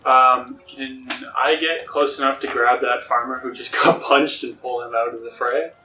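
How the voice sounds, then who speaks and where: A man's voice: mid-range voice, fairly even intonation, moderate pace, bright, forceful tone, a little hiss or hum. Curious man player, heard from the mic's distance. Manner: curious, asking questions. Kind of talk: casual tabletop play. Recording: roomy sound from away from the mic.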